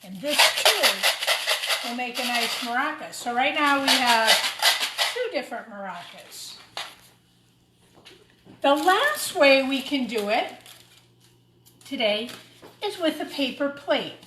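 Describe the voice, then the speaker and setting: Her high voice swings widely in pitch, and she speaks slowly with frequent pauses. This woman teacher demonstrates a craft informally for young children, describing each step as she does it, while echo and background noise fill the room.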